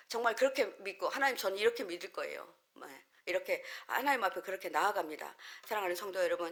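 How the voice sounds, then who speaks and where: A woman pastor giving a sermon and leading fervent spoken prayer, with steady preaching that rises into impassioned, repetitive calling out. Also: mid-range voice. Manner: calm, measured preaching. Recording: music playing underneath. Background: instrumental music.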